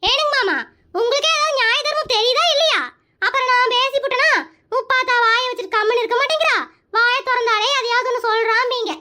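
A woman voicing a dramatic young village wife in a cartoon, quick-tongued and argumentative. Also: pushed and bright. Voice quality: very high squeaky cartoon voice. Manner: wailing, fast, argumentative.

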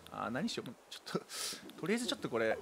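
A man streams a game live, chatting casually and rambling both to himself and his viewers into a desk microphone. His mid-range voice is sing-song with vocal fry, he talks at a racing pace, and the background is noisy.

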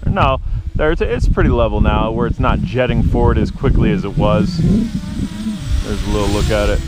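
A man's voice: medium pitch, very animated, moderate pace. Man narrating a drone flight in wind. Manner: rambling, talks while flying. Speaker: drone reviewer. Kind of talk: casual flight review narration. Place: open grassy field outdoors. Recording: loud wind noise outdoors. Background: loud wind and outdoor noise.

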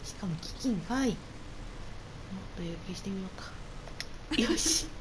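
A woman's voice: mid-range voice, animated, measured pace, over a noisy crowd, rough recording. A woman doing casual solo game commentary as host, politely and half talking to herself. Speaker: gaming video host.

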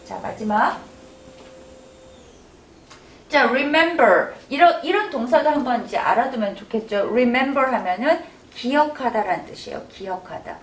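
A woman teaching English to older students, slowly drawing out and exaggerating example phrases. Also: fairly high pitch, lively intonation. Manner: drawn-out, exaggerated English drills. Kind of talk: classroom lesson. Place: senior welfare center classroom. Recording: echoey room, distant mic.

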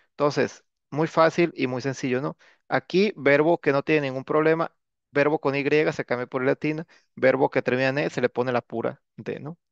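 A man's voice: mid-range voice, creaky, dry recording. A man teaching an English grammar lesson in a casual classroom manner, often tagging his sentences with a questioning "no". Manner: casual, repeats filler "¿no?" and "este". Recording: dull, lo-fi dry recording.

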